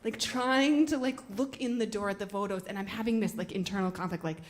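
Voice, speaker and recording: Animated woman telling a personal story. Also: mid-range voice, brisk, slight background noise. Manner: animated, filler-heavy "like", acts out her own inner thoughts.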